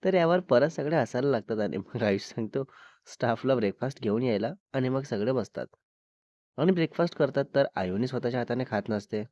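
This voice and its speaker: A man's voice: mid-range voice, lively intonation, a little fast, a little mellow, dry recording, dull audio. A man with a Marathi accent narrating a serialized romantic family story in a conversational way, dropping in English words.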